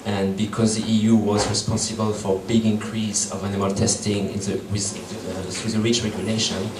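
A French-accented man in his thirties, native in French and Portuguese, talks at normal speed in a fairly low, flat voice. His public talk in a meeting room is hesitant, riddled with ums and restarts. A far-off room camera records it with echo and background noise.

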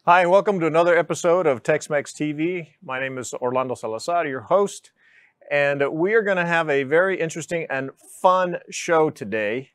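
A middle-aged man hosting a studio interview, relaxed and chatty, with lapel mic. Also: on the high side, moderate pace, clean tone, no echo. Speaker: talk show host. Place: city studio set with sofa chairs.

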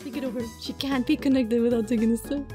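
Reading a visual novel aloud at a quick pace, a woman with a fairly high pitch hams up the narration and reacts casually, animated and playfully exasperated, with occasional slips. Faint music plays behind her.

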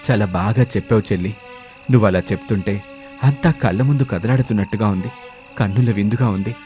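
Steadfast farmer husband, calm and firm; a man voices him, cartoon story. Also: on the low side, fairly quick, faint music behind, natural voice.

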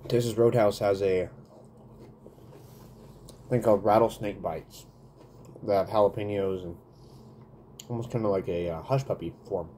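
A man in his thirties reviews food on a webcam at his desk in a small room, chatting between bites with plenty of humming and smacking. He speaks at a moderate pace with frequent pauses, in a fairly low, mellow, steady voice. A little hiss or hum sits under the audio.

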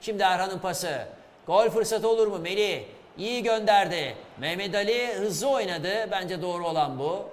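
A man giving excitable live play-by-play commentary on a football match. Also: high voice, normal speed, a little hiss or hum. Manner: excitable, shouts at goals and chances. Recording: reverberant hall sound.

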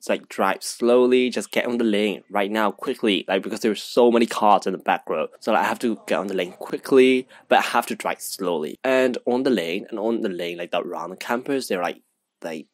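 A young man telling a rambling, excited storytime vlog, with lots of fillers. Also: lowish voice, no room sound. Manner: excited, rambling, heavy use of "like". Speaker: vlogger.

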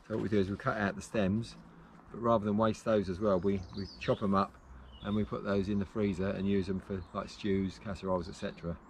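A man in his fifties with a fairly low voice talks in a relaxed, easygoing way as he works outdoors, pausing with ums while he thinks aloud. The camera sits close by in the open air. Clear outdoor noise from birds and traffic runs underneath. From England. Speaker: allotment gardener and channel host. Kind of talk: casual gardening vlog. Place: outdoor allotment and polytunnel.

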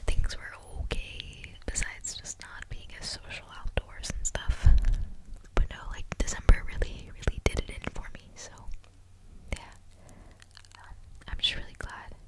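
A woman in her 20s murmurs an ASMR vlog in a soft, unvoiced whisper, so close it feels like she's right in your ear. She rambles casually, sounding confiding and hesitant, from a small dim room in her home, with a desktop condenser microphone set binaurally very near her mouth. The audio is low quality.

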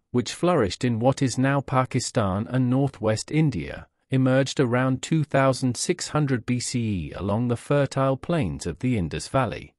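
A man reading a scripted documentary narration in an even, measured way. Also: mid-range voice, no echo, clean studio sound.

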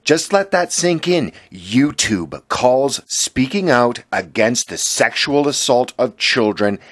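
A man's voice: medium pitch, animated, takes it slowly, fairly bright tone, breathy edge. A man reading scripted commentary as a channel host, sardonic and indignant in manner. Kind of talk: scripted political commentary voice-over.

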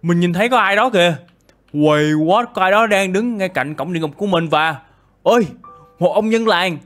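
A man doing chatty, excitable game role-play commentary with lots of filler tags. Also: high voice, quick pace, soft background music. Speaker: gaming YouTuber.

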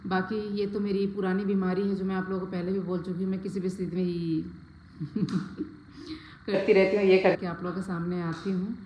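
A woman's voice: on the low side, flat delivery, moderate pace, warm tone, roomy sound, slight background noise, poor audio. A woman from Faridabad, India, vlogging at home as she packs, chatting straight to her viewers with lots of fillers. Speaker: family vlogger. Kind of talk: casual vlog chat to viewers. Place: at home, packing indoors.

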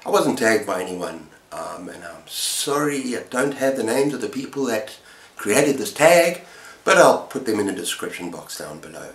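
Low and a bit bright, the voice belongs to a middle-aged booktuber chatting casually about books. He records in an indoor room lined with bookshelves, and the audio has a roomy, echoey quality.

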